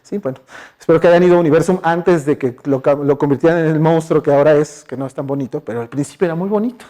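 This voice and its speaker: A man's voice: a little high, fast, warm tone. A man with a Mexican Spanish accent giving a chatty public science talk in a university lecture hall, asking the audience questions and using lots of fillers. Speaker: guest speaker.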